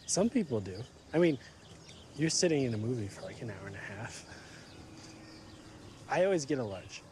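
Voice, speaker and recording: An actor in his twenties playing a relaxed, curious young American man trying new words and food. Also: mid-range voice, normal speed, slight background noise, natural voice. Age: 20s. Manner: relaxed, curious, fumbling pronunciation. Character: young American man Dan, easygoing visitor. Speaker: lead character. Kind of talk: film dialogue.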